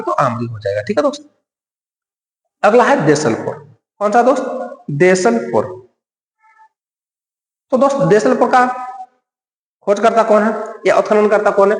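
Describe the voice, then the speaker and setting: A man teaching an exam-prep lesson with memory tricks. He repeats each point, quizzes his listeners, answers himself and keeps calling them friend. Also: high-pitched. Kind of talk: mnemonic-based classroom lecture. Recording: echoey room with long reverb.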